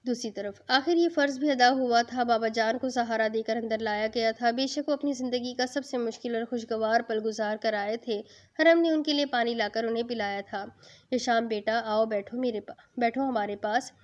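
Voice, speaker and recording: Woman novel narrator, steady storytelling read, fairly high voice, dull lo-fi recording. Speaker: novel reader.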